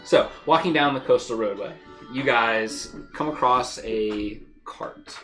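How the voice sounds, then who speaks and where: A woman with a low voice narrates a tabletop game as its game master. She talks in a loose, chatty way, with faint music playing underneath. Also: takes it slowly, fairly bright tone.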